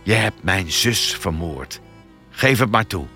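A man voicing a big, brutal man full of rage, growling slow threats in a raw, rough voice. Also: fairly low pitch, very animated, fairly bright tone, faint music behind. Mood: furious.

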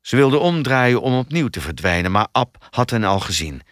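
A man narrating an audiobook thriller in a steady, expressive storytelling manner. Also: mid-range voice, normal speed, no room sound, clean studio sound.

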